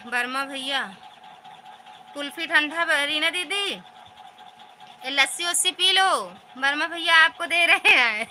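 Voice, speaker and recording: A woman with a rural north Indian Hindi accent hosts a live stream, warmly reading out viewers' comments and thanking each one in a casual, repetitive way. Her high-pitched voice is slow with long pauses, and the low-quality recording carries a little hiss or hum.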